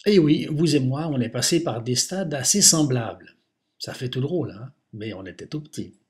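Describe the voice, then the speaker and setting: A man narrating a nature documentary, explaining things in an unhurried way and speaking directly to the listener. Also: mid-range voice, expressive. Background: music.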